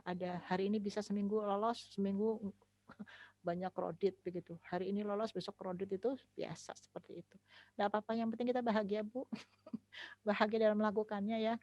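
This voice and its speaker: A woman, an Islamic speaker giving a relaxed, chatty talk on raising children, laughing often. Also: mid-range voice, dry recording, muffled recording.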